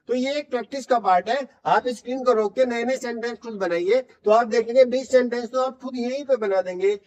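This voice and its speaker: A man's voice: sits high, darkish tone, lo-fi sound. A male English teacher giving a classroom-style lesson, explaining in Hindi and repeating short English example sentences for students to copy. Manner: repeats phrases for drill, asks students rhetorically. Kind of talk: classroom lecture.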